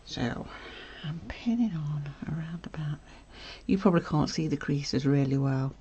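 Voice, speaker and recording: A woman hosting a casual stitching tutorial, chatty and self-correcting, often dropping to a soft murmur as she works. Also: deep voice, moderate pace, dull audio, slight background noise. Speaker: sewing tutorial host.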